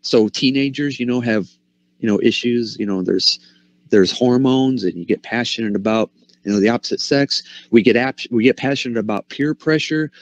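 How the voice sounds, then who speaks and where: A man's voice: mid-range voice, moderate pace, no room sound, dull audio. A man preaching a passionate sermon, asking the congregation rhetorical questions. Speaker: pastor.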